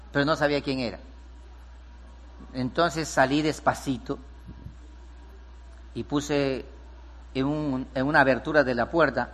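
Preaching pastor in a reverberant hall. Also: male voice, medium pitch. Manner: preaching, swings from hushed storytelling to loud emphatic peaks. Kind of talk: sermon with storytelling.

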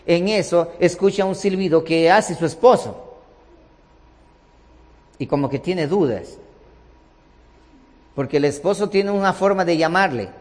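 A man's voice: fairly high pitch, in a large hall. A man preaching a sermon, emphatic, with rhetorical questions and repetition.

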